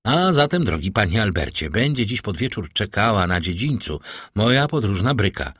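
A man reading an audiobook, voicing a worldly, grand count in a husky voice. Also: lowish voice, sing-song, normal speed, fairly bright tone, dry recording, clean studio sound, full character voice.

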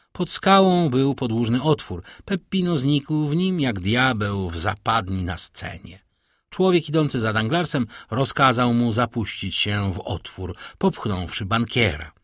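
Male audiobook narrator, husky, expressive storyteller, dry close sound. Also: medium pitch, a little slow, no room sound. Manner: expressive storytelling with vivid intonation. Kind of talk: scripted narration of a classic novel.

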